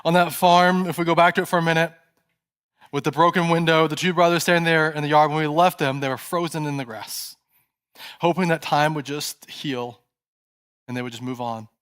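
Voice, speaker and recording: A male pastor preaching a sermon in a church, telling a story and dropping to a soft, hushed voice at tense moments. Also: a little high, steady tone, brisk, clear, resonant tone.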